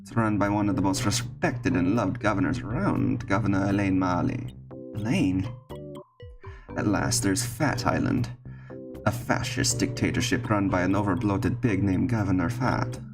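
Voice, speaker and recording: A man's voice: low-pitched, moderate pace. A man reading a laid-back ferry captain. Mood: easygoing. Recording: game music playing behind.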